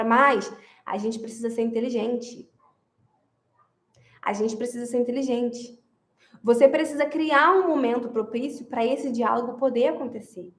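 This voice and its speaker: A woman's voice: high-pitched, roomy sound. A woman giving marriage advice straight to her viewers, emphatic and repeating her key phrases. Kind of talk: direct-to-camera advice talk.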